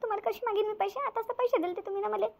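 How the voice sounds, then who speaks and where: Woman doing a sly whiny cartoon wife, high and gravelly, wheedling. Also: fairly even intonation, racing, a little mellow. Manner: wheedling, fake-tearful pleading. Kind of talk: cartoon voice acting.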